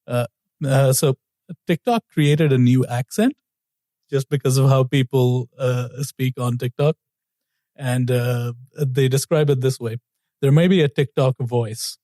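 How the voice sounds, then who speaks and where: Relaxed chatty man co-hosting a podcast. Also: mid-range voice, dry recording. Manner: laughs often, relaxed and chatty. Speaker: podcast co-host. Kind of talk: casual podcast chat.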